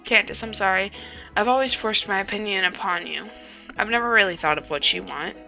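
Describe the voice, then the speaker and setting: A woman playing a gentle, apologetic mother. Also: medium pitch, fairly quick, vocal fry, faint music behind, poor audio. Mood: tender. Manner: soft and apologetic.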